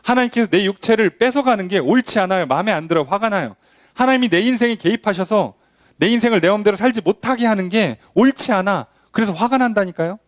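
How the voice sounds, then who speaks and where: A man's voice: high voice, animated, quick pace, no echo. A male pastor preaching a sermon, asking the congregation rhetorical questions. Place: church.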